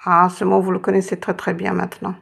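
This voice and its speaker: A woman's voice: lowish voice, monotone, a little fast, gravelly, fairly bright tone, husky. A woman teaching Arabic reading, patiently encouraging her students and drawing out each sound. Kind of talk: reading lesson.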